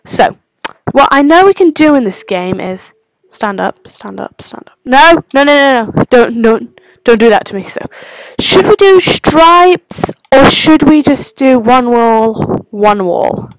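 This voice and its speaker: Young female game commentator, playful and chatty, high-pitched voice. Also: expressive, slow pace, dry recording, rough recording. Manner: playful, chatty, makes sound effects. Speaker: gaming video host. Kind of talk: casual gameplay commentary.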